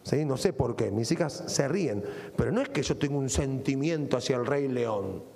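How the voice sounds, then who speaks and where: A man's voice: medium pitch, expressive, moderate pace, dark tone, in a large hall. A middle-aged man with an Argentine accent preaching a sermon, often asking the congregation rhetorical questions. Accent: Argentine Spanish. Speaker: pastor.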